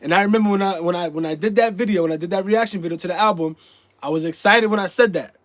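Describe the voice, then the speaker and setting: A man with a stuffy nose chatting casually to his viewers, rambling with lots of restarts and fillers, and breaking into loud, emphatic outbursts. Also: sits high, quick pace, no echo. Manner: bursts into loud emphatic yelling. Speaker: YouTube vlogger. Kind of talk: casual vlog chat to camera.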